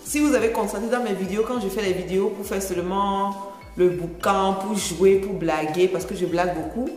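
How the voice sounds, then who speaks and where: A woman's voice: mid-range voice, fairly quick, a little mellow, roomy sound, long reverb tail, soft background music. A woman from Cameroon with a Cameroonian French accent, chatting casually as a vlogger, explaining and repeating phrases and laughing often.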